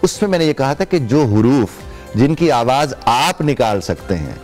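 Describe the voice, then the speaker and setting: A man's voice: mid-range voice, big pitch swings, normal speed, a little mellow, faint music behind. A middle-aged man from Pakistan, an English teacher and guest, explaining at length in a formal studio interview.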